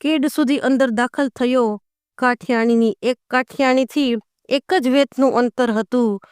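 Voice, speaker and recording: A woman's voice: high voice, steady tone, measured pace, a little mellow, clear, resonant tone, no room sound, studio quality. Woman telling a dramatic folk tale. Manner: dramatic storytelling in rustic Gujarati dialect. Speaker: storyteller.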